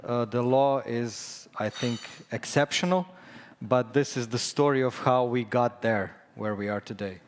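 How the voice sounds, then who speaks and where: Slovenian man, non-native English, halting conference talk, medium pitch, long hall reverb. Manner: hesitant, many fillers and restarts. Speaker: conference speaker. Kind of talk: conference presentation.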